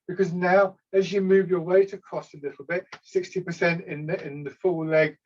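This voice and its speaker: A man gives calm, unhurried step-by-step tai chi cues as an instructor, sometimes hesitating and correcting himself. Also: high voice. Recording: slightly dull, lo-fi sound.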